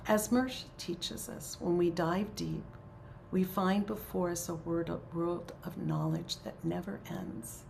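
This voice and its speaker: Woman leading a prayer circle: slow, soft, half-whispered, with a low gravelly voice and faint background noise. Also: steady tone. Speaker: spiritual leader of a prayer circle. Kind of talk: gentle spiritual talk and prayer.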